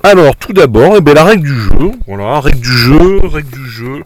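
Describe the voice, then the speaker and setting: A man's voice: fairly high pitch, lively intonation, normal speed, slight background noise. A man casually narrating a board game unboxing, hesitant and self-correcting, full of fillers and admiring remarks.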